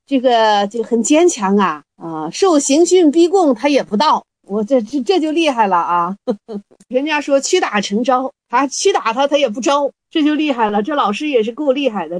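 A woman with a high, bright voice leads a Buddhist study group through a Zen koan. She reads the classical lines slowly and deliberately, then explains them in lively, playful speech full of rhetorical questions. The sound is very dry and close, with almost no room echo.

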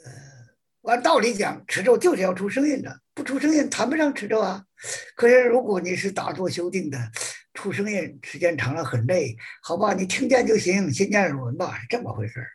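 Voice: medium pitch, expressive, fairly quick, husky. A Buddhist practice teacher, answering questions in plain, reassuring words and repeating key points. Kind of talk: colloquial Q&A answers.

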